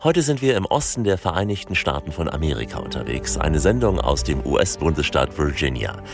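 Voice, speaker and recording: A man's voice: very deep voice, big pitch swings, brisk. A man hosting a radio travel program, narrating from a script with a playful, rhyming opening. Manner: playful rhyming intro, then storytelling. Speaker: radio travel show host. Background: music bed.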